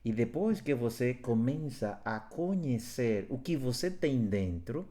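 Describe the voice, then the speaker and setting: A man with a mellow, medium-pitched voice and lively intonation speaks at a measured pace. He's a workshop facilitator on a live stream from home, talking earnestly about love and self-awareness in relationships and repeating phrases for emphasis.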